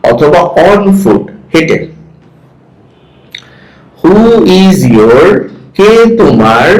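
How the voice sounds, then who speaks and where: Male English teacher, Bangladeshi accent, bilingual lesson, slow deliberate delivery, roomy echo. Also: medium pitch. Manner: slow, drawn-out English phrases, translating each into Bengali.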